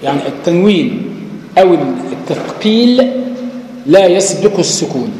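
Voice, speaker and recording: A man's voice: sits high, animated, normal speed, dark tone. A man with an Egyptian accent, a sheikh giving a spoken lecture on recitation rules, explaining step by step and asking and answering his own questions. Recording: echoey hall with faint noise.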